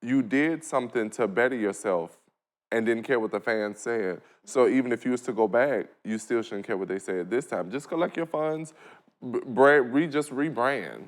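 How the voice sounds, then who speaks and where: A man in his late twenties talks bluntly in a casual podcast conversation. He is animated and throws in jokes as he goes. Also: mid-range voice, normal speed. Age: 20s. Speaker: podcast guest. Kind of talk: casual chat.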